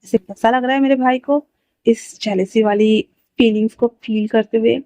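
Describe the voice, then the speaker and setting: A woman's voice: fairly high pitch, steady tone, moderate pace, dark tone, no echo, lightly acted. A woman doing a teasing, brotherly young man. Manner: teasing and scolding.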